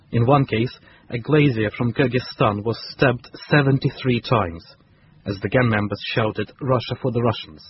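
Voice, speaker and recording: A man delivering a scripted news report as a foreign correspondent, measured and serious. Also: mid-range voice, muffled recording, a little hiss or hum.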